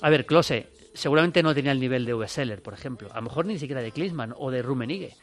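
A man talks football on a radio show at a fast clip, listing players and results one after another. His pitch sits in a middle range. Faint music plays underneath. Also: lively intonation. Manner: fast, rattles off names and results. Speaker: football pundit. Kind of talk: radio sports chat.

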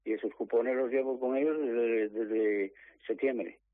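A man's voice: mid-range voice, unhurried, no room sound. Man on a phone line. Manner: animated storytelling, acts out quoted dialogue. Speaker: lottery ticket seller. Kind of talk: interview on the phone.

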